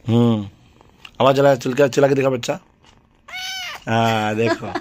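A man's voice: medium pitch, fairly even intonation, a little slow, a little mellow. Male vlogger, chatty home-video host, coaxing manner. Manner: chatty, coaxing a pet cat. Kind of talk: casual family vlog chat.

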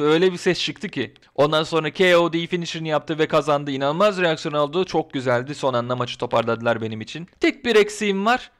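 Fast-talking excitable man vlogging. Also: fairly high pitch. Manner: excitable, ranting, colloquial. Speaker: wrestling commentary vlogger. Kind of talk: casual opinion vlog.

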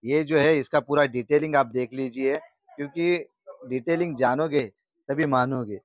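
Mid-pitched vlogger man in a shop. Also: fairly even intonation, normal speed, lo-fi sound. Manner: echoing and affirming the seller. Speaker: vlogger host. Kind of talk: casual vlog commentary. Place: indoor shoe shop.

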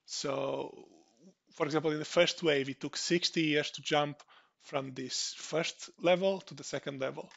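A man's voice: on the high side, steady tone, unhurried, vocal fry, fairly bright tone, lo-fi sound. A man from Portugal with a Portuguese accent, giving an online conference presentation with frequent restarts and fillers. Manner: hesitant, many restarts and fillers. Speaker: conference speaker.

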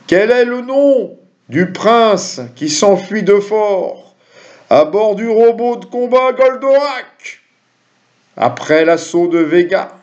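A man's voice: sits high, lively intonation, takes it slowly, a little mellow. A middle-aged man, hosting a quiz to camera with jokey, chatty asides to viewers. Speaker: quiz host. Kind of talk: reading quiz questions to camera. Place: small room at home. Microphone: webcam or computer mic at desk. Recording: dull lo-fi webcam sound.

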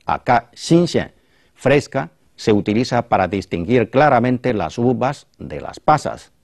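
A man hosting a language lesson, calmly explaining phrases and translating them. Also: medium pitch, a little slow, gravelly, dry recording, studio quality. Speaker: language teacher and host. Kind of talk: explaining Chinese to a Spanish-speaking audience.

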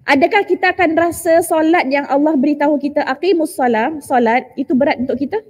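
A middle-aged woman teaching a religious lecture to women, telling stories in an animated way and dropping in English phrases. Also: sits high, brisk, long reverb tail.

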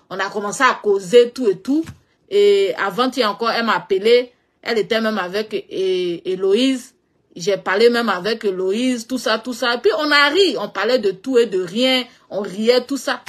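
A woman's voice: medium pitch, normal speed. A woman with a West African French accent, frankly telling a personal story in a loose, repetitive way, often trailing off with filler phrases. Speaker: social media personality. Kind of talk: casual storytelling monologue.

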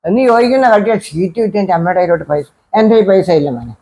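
Man as fussy older mom, high and fast, exasperated skit figure. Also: expressive, warm tone, poor audio. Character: older mother, a thrifty pensioner who worries over money. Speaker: mother in a family skit. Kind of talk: comic family skit acting.

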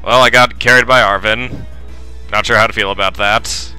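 A man's voice: fairly low pitch, fairly even intonation, normal speed, pushed and bright, clear, resonant tone, soft background music, rough recording. A man hosting a let's play with casual commentary on the game.

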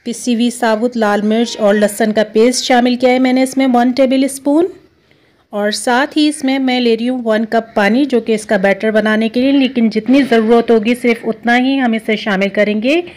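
A woman hosting a home cooking video, explaining each step of a recipe in a steady, instructive way. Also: fairly high pitch, normal speed. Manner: steady, instructive, repeats steps. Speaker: cooking show host. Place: home kitchen.

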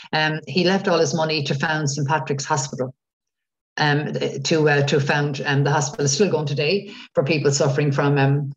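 A middle-aged Irish woman gives an informal guided-tour talk, chatty and rambling with hesitations, over a video call. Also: deep voice. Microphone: computer mic on video call. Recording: muffled video-call audio.

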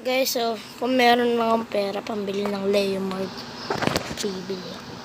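A young woman giving playful, teasing commentary while she plays a mobile game, breaking into laughter and shouts now and then. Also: mid-range voice, flat delivery, a little slow. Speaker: gaming vlogger. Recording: noisy background.

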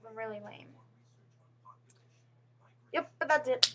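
A young woman talks into her webcam at home with a high, bright-pitched voice. Her delivery is rambling and earnest, full of fillers and false starts. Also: takes it slowly. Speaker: vlogger. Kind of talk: casual webcam monologue. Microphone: webcam mic.

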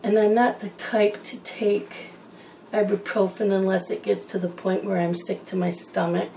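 Woman, casual coloring chat, rambling and chatty, gravelly voice, faint pencil scratching behind. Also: medium pitch, level tone, normal speed, dark tone, slight background noise, low-quality recording. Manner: rambling, chatty, wandering off topic. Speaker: coloring channel host.

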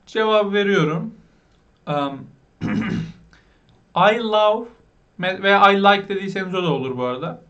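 Male language teacher, high-pitched, quizzes learners patiently, muffled home recording. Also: a bit bright. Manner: explains patiently, asks learners questions, pronounces English words slowly. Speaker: English teacher. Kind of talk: vocabulary lesson.

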